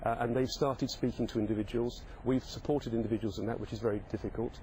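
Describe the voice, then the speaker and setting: A man speaking as a chief executive in a news interview, official and somewhat halting. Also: mid-range voice, steady tone, mellow, slight background noise, low-quality recording.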